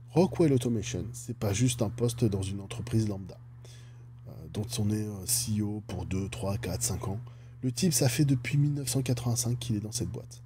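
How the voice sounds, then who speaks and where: Man, casual finance talk, jokey asides, mellow tone, faint hum. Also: mid-range voice. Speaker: stock analysis YouTuber.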